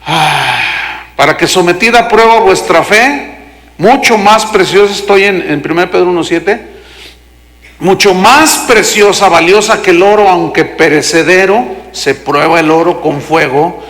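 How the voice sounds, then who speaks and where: A man's voice: high-pitched, lively intonation, unhurried, a bit bright. A man preaching a sermon, telling stories dramatically and acting out the characters. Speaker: pastor. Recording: long hall reverb.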